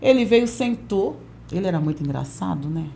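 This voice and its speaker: A woman pastor in her forties, a podcast guest telling a lively testimony and acting out the voices of people in it. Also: medium pitch, a little fast, gravelly, slight background noise. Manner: lively storyteller who acts out quoted voices. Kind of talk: storytelling testimony in a podcast interview.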